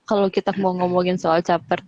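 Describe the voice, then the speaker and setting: A woman's voice: fairly low pitch, level tone, fairly quick, darkish tone, no echo. A young woman co-hosting a podcast in casual chat, rambling and correcting herself as she goes. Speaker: podcast co-host. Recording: muffled lo-fi sound.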